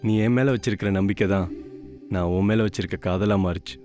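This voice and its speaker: A man's voice: fairly low pitch, fast talker, music in the background, close to an everyday voice. An actor playing a protective young man who soothes a crying woman and speaks tenderly to her. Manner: soothing, earnest. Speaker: hero of a film. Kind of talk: film drama acting. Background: loud film score.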